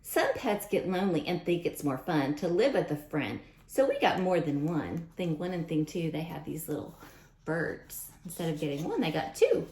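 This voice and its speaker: A woman with a low, darkish voice and lively intonation reads aloud at a normal speed during storytime for little kids. She's sing-song, often asks questions and repeats lines, and the recording sounds roomy and echoing.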